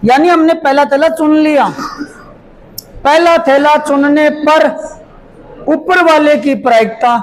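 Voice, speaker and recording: A man teaching a maths lesson, going through each step slowly and repeating it while he writes it out. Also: extremely high pitch, low-quality recording. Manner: slow, repeats steps as he writes. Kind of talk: classroom lesson explanation.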